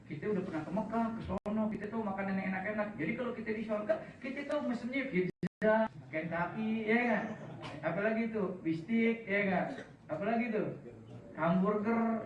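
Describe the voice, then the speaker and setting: A man's voice: high-pitched, a little fast, muffled recording. A man giving an informal religious lecture to a gathering, chatty and joking, often laughing. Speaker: preacher. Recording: echoey, from far off, faint noise.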